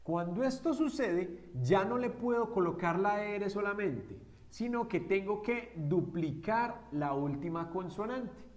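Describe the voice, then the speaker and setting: A man's voice: sits high, lively intonation, measured pace, few pauses. Man patiently teaching English grammar. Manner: patient, explains step by step with checking questions. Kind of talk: classroom-style grammar lesson.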